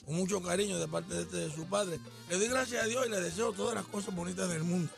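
A man's voice: high-pitched, fast talker, creaky, over music. An older man, a proud father, giving a hesitant, heartfelt birthday speech. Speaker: father of the host.

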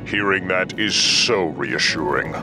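A man voicing a stern, humorless but loyal warship admiral in an audio drama, speaking in a formal, pompous, deliberate way. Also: deep voice, music in the background. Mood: proud, deadpan. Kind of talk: audio fiction drama acting.

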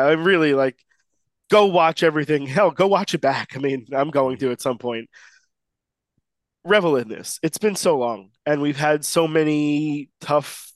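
His voice is on the high side, clear and resonant, with no echo, as he co-hosts an excited sports podcast. The man is losing his voice, comes across a touch nasal, and talks emphatically with plenty of restarts.

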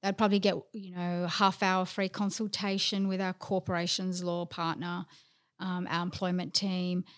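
A woman's voice: on the low side, level tone, normal speed. Upfront chatty woman from Australia. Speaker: podcast guest, lawyer. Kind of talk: casual interview chat.

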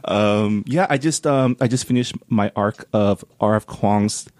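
A man co-hosting a book podcast in casual chat, easygoing and quick to laugh, with joking asides. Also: fairly low pitch, darkish tone, dry recording. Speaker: podcast co-host.

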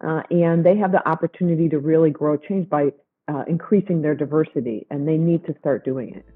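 A man's voice: on the high side, a little fast, breathy edge. A man speaking off the cuff as a panelist, making his case emphatically. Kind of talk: unscripted panel remarks. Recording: thin phone-like line.

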